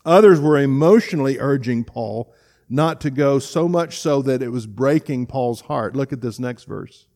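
A middle-aged man preaching in a church, earnest and emotional, often halting and restarting his sentences. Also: mid-range voice, animated, darkish tone. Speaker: pastor. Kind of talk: sermon. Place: church sanctuary.

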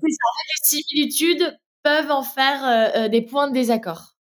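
A high-pitched French woman with a French accent, co-founder of a brand, speaks candidly at a moderate pace in a casual interview. She hesitates often, full of fillers and restarts.

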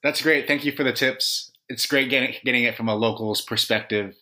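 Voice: medium pitch, fairly quick, bright, forceful tone. An interview host leads a casual conversation. The host asks questions and answers with upbeat encouragement.

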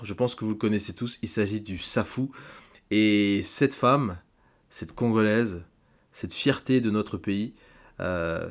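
A man hosting a podcast interview, enthusiastic and often pausing on fillers. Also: fairly low pitch. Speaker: podcast host.

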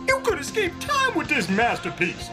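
A woman's voice: sits high, wildly swooping pitch, normal speed. A woman voicing an eager, naive young male sidekick in a cartoon. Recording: loud music behind.

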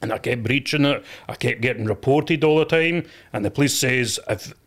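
A man's voice: medium pitch, moderate pace, a bit bright, slight background noise. Broad Scottish man, emphatic and sweary. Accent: broad Scottish, west of Scotland. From Scotland. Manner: sweary, emphatic and repetitive, often tagging "you know". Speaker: podcast guest. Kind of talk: casual interview storytelling.

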